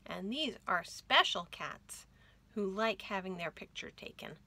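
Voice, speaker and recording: A children's library storytime host reads aloud to young children in a bright, lively, animated way. Her voice is medium-pitched and a little slow, and she enunciates expressively while speaking to the children directly.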